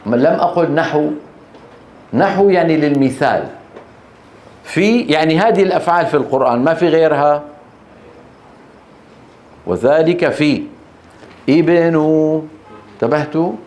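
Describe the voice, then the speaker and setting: A man's voice: fairly high pitch, moderate pace, long pauses, a little mellow. A male Quran teacher, giving a classroom lesson and often prompting the class with short questions while drawing out recited words. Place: classroom, Grozny. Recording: echoey room, faint background hiss.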